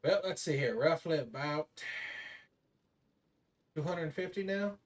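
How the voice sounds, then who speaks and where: A man voicing a gruff little settler in a tabletop game, folksy and courteous with old-fashioned formal phrasing. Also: a little high, expressive, measured pace, voice pushed up. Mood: courteous welcome.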